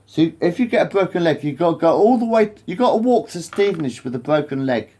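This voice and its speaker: A fast-talking English vlogger in his late forties, his voice is on the high side and warm, with lively intonation. He rambles to camera, repeating himself, swearing often and digressing.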